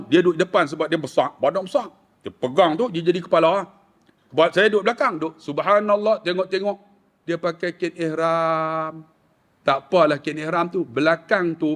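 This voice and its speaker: A man with a Kedah Malay accent giving a mosque lecture, telling a story in an animated way and acting out the people in it. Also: moderate pace, big-room sound. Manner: animated, acts out quoted voices, sudden rises in pitch. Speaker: preacher.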